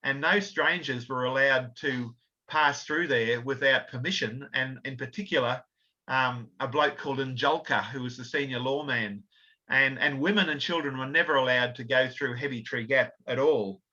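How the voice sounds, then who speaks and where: A man talks through history slides in a bright, forward voice. He explains as he goes, with plenty of ums and restarts. The audio sounds a little dull and lo-fi. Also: mid-range voice, moderate pace. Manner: explanatory, many fillers and self-corrections. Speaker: author and researcher giving a talk. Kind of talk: illustrated history talk with slides.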